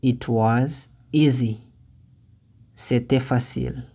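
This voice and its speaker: A language teacher reading short phrases one at a time, saying each twice with careful, deliberate delivery, then giving the translation. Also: mid-range voice, steady tone, vocal fry, dark tone, breathy edge. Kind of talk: slow phrase-by-phrase lesson reading.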